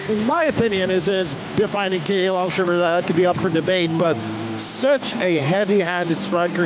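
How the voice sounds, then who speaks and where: Male MMA commentator, high-pitched, analytical and conversational, over clear venue noise. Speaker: fight commentator. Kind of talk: sports commentary, pre-fight analysis. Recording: noisy live event background.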